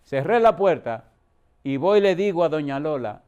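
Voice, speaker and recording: A man's voice: fairly high pitch, animated, normal speed, darkish tone, smooth, highs cut off. A middle-aged male pastor from the Dominican Republic, preaching a storytelling sermon with rhetorical questions and acted-out dialogue.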